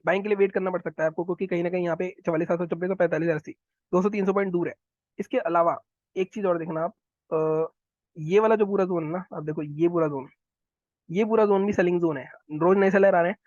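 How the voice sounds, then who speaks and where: Fast, high-voiced male market analyst. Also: fairly even intonation, a little mellow, no room sound, highs cut off. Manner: rapid, instructive, repeats phrases. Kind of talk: chart analysis walkthrough.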